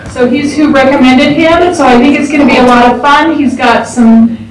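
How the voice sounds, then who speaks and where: A brisk, friendly woman introduces a guest to a class in a high voice. She sounds off-mic, and the room echo is heavy. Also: steady tone, recorded from a distance. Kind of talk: casual introduction.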